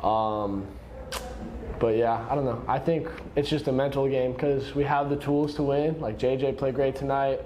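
A young volleyball player answering post-game questions in a casual, relaxed way, full of "like" and "I don't know". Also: male voice, mid-range voice, normal speed, slight background noise. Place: press conference room.

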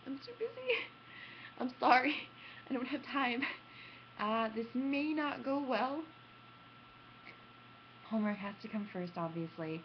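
A young adult woman, a gaming vlogger, talks to camera in a slightly high, sing-song voice, unhurried and pausing often, telling casual, animated stories with theatrical self-mockery. The computer webcam at arm's length in her small home room records dull, lo-fi audio with clear noise.

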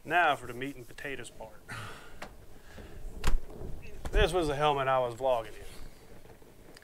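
With a lively, slightly bright medium-pitched voice, this man chats casually to camera at a moderate pace while unboxing motorcycle gear for his vlog. A wireless lapel mic in a small room at home captures his folksy, rambling, plainspoken talk, along with a little hiss or hum.

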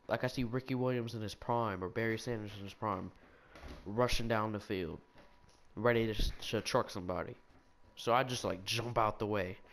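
Young man, casual rambling storytelling, gravelly low voice, faint hiss behind. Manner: animated, self-mocking, restarts often. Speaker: gaming video storyteller.

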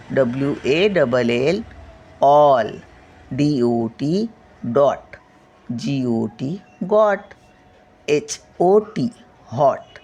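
A grandmother with a very deep, slightly mellow voice leads children through a slow, letter-by-letter spelling lesson on English word sounds. After spelling each word she pronounces it, often checking in with a brief "hm?".

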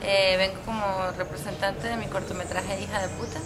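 Young Venezuelan woman over loud street noise. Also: medium pitch, steady tone, a little fast. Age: young adult. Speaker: filmmaker guest. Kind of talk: festival interview. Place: outdoors by a building entrance.

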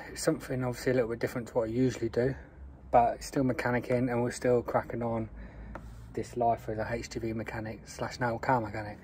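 Mechanic muttering outdoors by a car. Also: male voice, mid-range voice, a little mellow, rough recording. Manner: muttering while working, thinking aloud. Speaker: mechanic vlogger. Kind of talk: casual work vlog. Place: outdoors beside a car with the bonnet open. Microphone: phone camera held close. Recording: outdoor ambience noise behind the voice.

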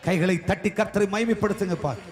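A man preaching an impassioned sermon, moving from hushed words to drawn-out pleading cries. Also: sits high. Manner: swings from hushed to crying out, drawn-out pleading calls.

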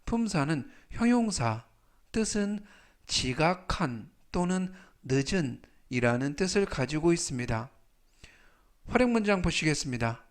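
Male vocab teacher, unhurried and careful, slightly higher voice, repeats each word. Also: very animated. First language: Korean. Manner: spells out pronunciation, repeats each word slowly. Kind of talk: slow explanatory vocabulary lesson.

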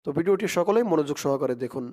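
High-voiced man teaching Quran recitation. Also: expressive, mellow. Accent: Bangladeshi Bengali. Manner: drawn-out melodic chanting of Arabic verses, spelling letter by letter. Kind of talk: Bengali religious lesson with slow Arabic recitation.

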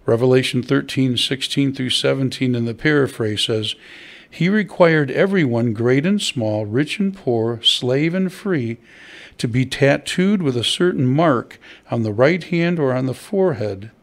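A creaky, mid-range male voice with lively intonation takes its time here. It belongs to an older pastor giving a sermon at the wooden pulpit of a church hall, talking conversationally and asking his listeners questions, recorded on the pulpit's stand mic.

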